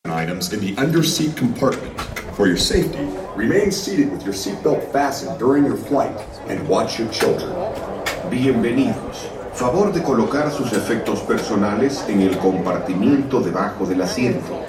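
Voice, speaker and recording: A man giving a calm, formal, scripted safety announcement, played over a ride loudspeaker. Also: medium pitch, moderate pace. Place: theme park ride hall. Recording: echoey, distant, crowd noise around.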